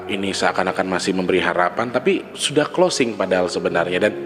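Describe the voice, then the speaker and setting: A man talking candidly in a casual confessional monologue, repeating himself and laughing softly now and then. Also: lowish voice. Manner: candid, repetitive, with frequent soft laughs. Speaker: vlogger. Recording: long reverb with background music.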